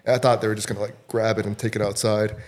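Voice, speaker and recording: A man's voice: lowish voice, little pitch movement, rapid-fire, a little mellow. A young man from Florida, a podcast guest, telling casual stories and swearing freely. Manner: laid-back storyteller, swears freely. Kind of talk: casual chat.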